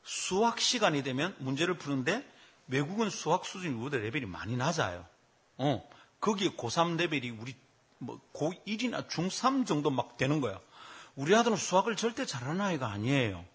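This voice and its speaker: A man's voice: on the high side, brisk, slightly rough. A man, preaching a sermon as a pastor and telling stories with acted quotes. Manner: animated storytelling with acted quotes.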